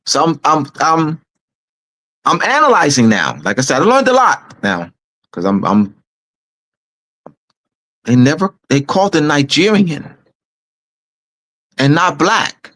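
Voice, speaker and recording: Host, male, Camden accent, halting reflective storyteller with a lively, slightly high voice. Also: poor audio. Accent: Camden, New Jersey. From Camden, New Jersey. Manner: halting, repeats words, searching aloud.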